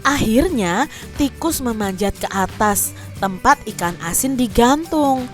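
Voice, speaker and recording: A woman teacher narrates a fable for young pupils and then goes over it with them. She speaks in a slightly high voice and addresses the children directly. Faint music plays behind her. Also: lively intonation, a little slow. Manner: addresses children warmly as adik-adik. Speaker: primary school teacher. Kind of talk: storytelling lesson for children.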